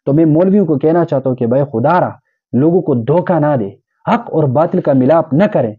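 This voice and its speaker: A man's voice: fairly high pitch, lively intonation, slightly rough, phone-quality sound. A man delivering an earnest sermon, exhorting listeners and explaining with everyday examples. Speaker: Islamic preacher. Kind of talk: urdu sermon.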